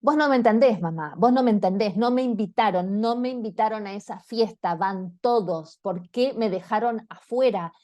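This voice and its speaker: A woman's voice: medium pitch, moderate pace, few pauses, darkish tone, natural voice. A woman acting out an upset Argentine teenage girl. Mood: angry, hurt. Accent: Argentine Spanish. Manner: whiny, upset complaining. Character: angry hurt teenage girl, sixteen.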